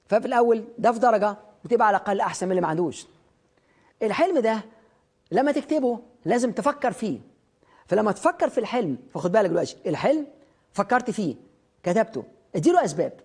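A man's voice: high-pitched, a little mellow, breathy edge. A man with an Egyptian Arabic accent giving a motivational lecture, emphatic and direct, hammering points home by repeating phrases and firing questions at the listener. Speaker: motivational speaker.

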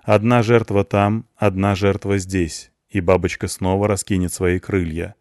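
A man reading an audiobook, voicing a merciless executioner who speaks slowly, calmly and evenly. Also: low-pitched, no room sound, studio quality. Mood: cold calm. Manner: slow, measured, cold. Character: calm slow merciless executioner father.

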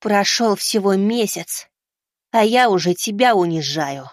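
A man's voice: high voice, animated, unhurried, no room sound, studio quality, pitched above the performer's own voice. A man reading an audiobook, voicing a cocky young boy fighter who talks in a taunting, sarcastic way.

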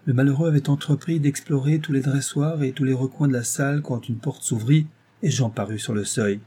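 Male narrator, audiobook novel reading, mellow tone, husky voice. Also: mid-range voice, steady tone, a little fast.

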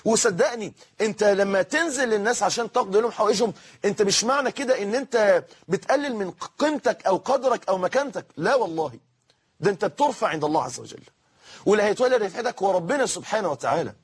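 A man's voice: sits high, lively intonation, quick pace, breathy edge. A man with an Egyptian accent preaching a sermon, often repeating key phrases for emphasis.

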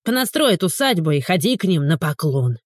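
A woman voicing a pushy middle-aged village woman who scolds indignantly and shrilly. The voice sits higher than her plain narration. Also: very animated, brisk, no echo, studio quality.

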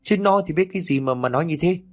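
A man voicing a rattled middle-aged village husband, speaking in an agitated, halting way. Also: a little high, voice pushed up, lightly acted. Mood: startled. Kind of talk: audiobook character voice.

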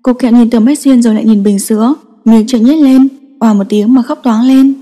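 A woman narrating a story in a steady, scripted storytelling style. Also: fairly high pitch, brisk, long reverb tail, faint music behind. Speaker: audiobook narrator.

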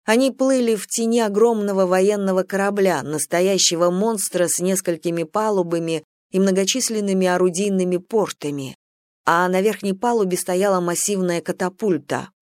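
An audiobook reader narrating a story in an even, measured way. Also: mid-range voice, no room sound, clean studio sound. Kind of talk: scripted narration.

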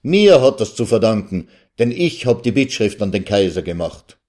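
A man voicing a boastful male lawyer who shouts to the wedding guests. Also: fairly low pitch, big pitch swings, moderate pace. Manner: shouting, self-important.

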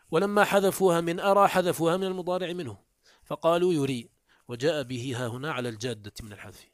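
Recorded with studio quality and no echo, this is a man's lesson on Arabic morphology in which he reads from a classical text and explains each passage in turn. His pitch leaps upward as he brings in quotations, in the style of a text commentary class.

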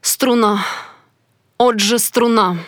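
Woman voicing despairing young pianist, audiobook, slow firm phrases, dry sound. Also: a little high, fairly even intonation, fairly bright tone, no echo. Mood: grim.

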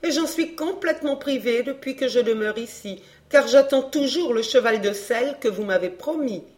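A woman reading a proud, sharp-tongued young countess, cool and teasing, in an audiobook dialogue. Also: fairly high pitch, expressive, normal speed, close to an everyday voice.

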